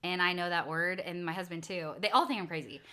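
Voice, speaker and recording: A woman co-hosting a podcast, telling stories in an animated, casual way. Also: on the low side, quick pace. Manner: animated storyteller, talks about her kids. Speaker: podcast co-host. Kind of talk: casual chat.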